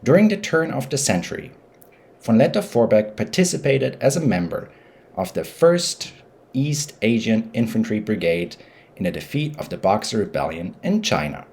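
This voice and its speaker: A man with a German accent hosting a history channel, narrating history in a careful, measured way. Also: lowish voice, sing-song, gravelly, a little mellow.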